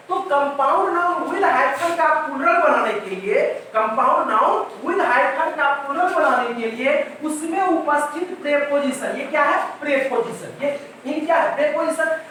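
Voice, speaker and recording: A very high-pitched, pushed, bright male voice belongs to an English teacher giving a classroom grammar lesson, repetitive and answering his own questions. Slight background noise comes through, and the mic is at a distance in a very echoey room.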